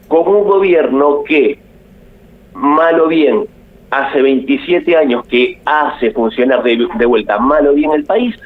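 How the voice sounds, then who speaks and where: A man with a Rioplatense Argentine accent, a radio guest giving opinionated commentary, thinking aloud with many hesitations, heard over an AM radio phone line. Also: on the high side. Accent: Rioplatense Argentine Spanish. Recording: tinny narrowband phone line.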